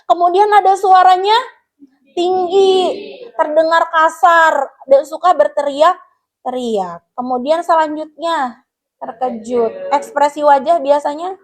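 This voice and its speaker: A woman with a high voice teaches a classroom guidance lesson, taking the pupils through each point in turn. She keeps asking the class questions and addresses them warmly as children, with the patient manner of a school counselor. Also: slow. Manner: explains to pupils, asks the class questions, calls them "Nak".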